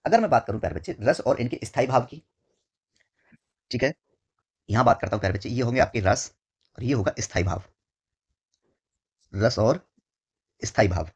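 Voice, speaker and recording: A man teaches an exam-prep lesson in a husky, slightly breathy voice at a middle pitch. He repeats each key term slowly and keeps asking "ठीक है". He calls his students his dear children. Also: animated, muffled recording.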